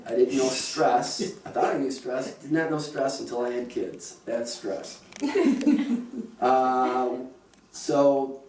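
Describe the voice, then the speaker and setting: A middle-aged man officiates his son's wedding, spinning jokey anecdotes and chuckling as he goes. His voice sits at an ordinary pitch and echoes through a roomy venue. He sounds set back from the mic, with a faint hum of ambience behind him. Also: animated, slow, a little mellow, distant mic. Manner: joking, anecdotal, often chuckling. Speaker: father of the groom officiating a wedding. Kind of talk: wedding speech.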